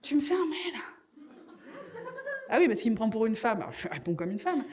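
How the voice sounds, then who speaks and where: Lively high-voiced woman doing stand-up. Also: breathy edge. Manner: animated, quick shifts into acted voices. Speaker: stand-up comedian. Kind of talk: stand-up comedy monologue.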